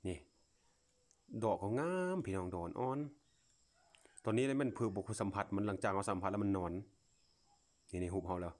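A man from Laos, a vlogger, films himself outdoors on a phone at a grassy patch, offering viewers casual, unscripted commentary. His deep voice moves at normal speed with long pauses. He talks in a folksy, repetitive way, marvelling at things.

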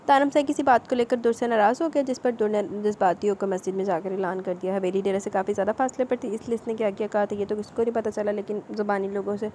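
Female narrator, steady novel reading, mellow low-bright timbre, faint background noise. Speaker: audiobook narrator.

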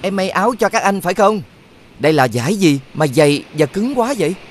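An actor voicing a caring eldest prince brother in a cartoon, who speaks gently and reassuringly. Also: male voice, high-pitched, lively intonation, a little fast, a little hiss or hum.

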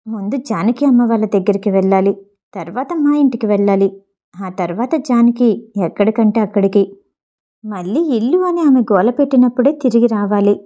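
A woman narrating a dramatic story in a steady, emotive storytelling manner. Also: mid-range voice, normal speed. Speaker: audiobook narrator.

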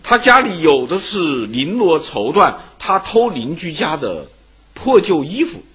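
A man's voice: fairly high pitch, sing-song, a little slow, breathy edge, highs cut off, pitched above the performer's own voice, heavily acted. A man voicing a shrewd old male philosopher who needles his listener with rhetorical questions. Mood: mocking.

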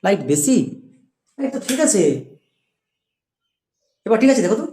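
Echoey, distant teacher slowly spelling words. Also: mid-range voice, lively intonation, warm tone, a little hiss or hum. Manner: patient, repeats words slowly for students. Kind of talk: spelling and pronunciation lesson.

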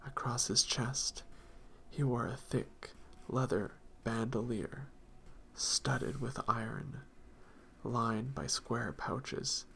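A man reading a fantasy novel aloud in a soft-spoken voice that often drops into whispers. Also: medium pitch, creaky, slight background noise. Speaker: audiobook reader.

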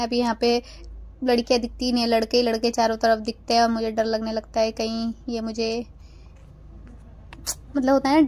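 Young woman, high voice, casual travel vlogger, giggly and chatty. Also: darkish tone. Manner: chatty, giggly, repeats words for effect. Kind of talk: casual travel vlog narration.

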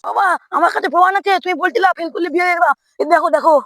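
Woman doing a whiny teen boy begging to get married, super high, talks fast. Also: fairly even intonation, fairly bright tone, no room sound, studio quality. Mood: pleading. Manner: whiny, pleading, repeats himself. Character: teenage boy, failing student, desperate to marry.

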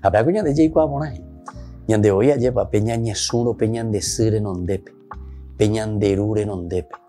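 A man's voice: on the low side, moderate pace, dark tone, soft background music. A Paraguayan priest preaching a sermon in Spanish mixed with Guarani, with emphatic rises in his voice. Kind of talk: sermon reflection.

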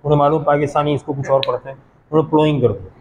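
Fairly high-voiced teacher drilling pronunciation. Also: male voice, fairly even intonation, a little mellow, muffled recording, slight background noise. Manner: explains patiently, repeats words slowly, asks the class questions. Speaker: college teacher. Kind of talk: classroom lecture on English pronunciation. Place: classroom.

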